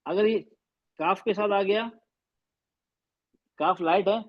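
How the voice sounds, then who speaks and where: Slow and high-voiced, a man leads an online class on Arabic letter sounds, repeating and drilling them with patience while weaving English phrases into Hindi. The recording, made on a video call microphone, is lo-fi with no echo.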